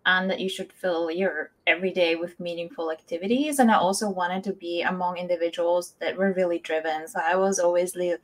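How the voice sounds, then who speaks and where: A woman, telling her own story conversationally as an interview guest on a video call. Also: on the low side. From Austria. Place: indoor room, video call. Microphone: wireless earbuds on video call.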